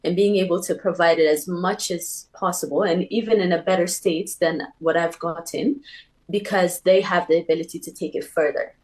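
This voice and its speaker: A young woman from Ethiopia, a panel guest, talking reflectively and with many pauses and fillers. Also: fairly low pitch, steady tone, a little mellow, rough recording. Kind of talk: conversational panel talk.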